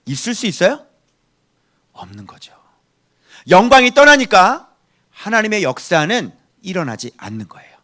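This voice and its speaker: A middle-aged male pastor preaching a sermon, emphatic, swinging between loud outbursts and hushed asides. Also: high-pitched, wildly swooping pitch, moderate pace, pauses often.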